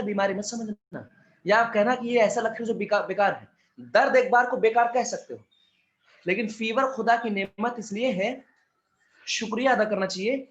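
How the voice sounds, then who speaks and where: High-voiced male teacher in an echoey room. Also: a bit bright, highs cut off. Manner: chatty, voices students' questions himself. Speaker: biology teacher. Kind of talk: Hindi-Urdu exam-prep lecture.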